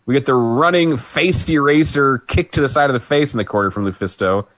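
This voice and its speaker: A man co-hosting a podcast recaps a wrestling match in a casual, rambling play-by-play full of asides. His voice is medium-pitched, a bit bright and a little fast, on a dry recording.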